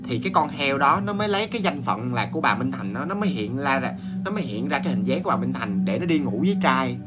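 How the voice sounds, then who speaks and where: A man with a Southern Vietnamese accent telling a ghost story in a chatty, animated way, full of exclamations and restarts. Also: mid-range voice, fast talker, over loud music.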